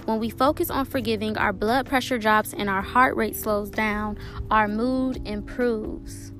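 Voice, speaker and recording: A woman podcast host giving an encouraging spiritual self-help talk, repeating phrases deliberately for emphasis. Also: fairly high pitch, steady tone, fairly bright tone. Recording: music behind the voice. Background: clearly audible music.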